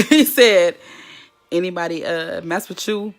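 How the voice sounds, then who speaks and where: A woman's voice: on the low side, a little slow. Woman hosting a casual live chat, talks right to viewers and greets commenters. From Jackson, Mississippi. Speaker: livestream host.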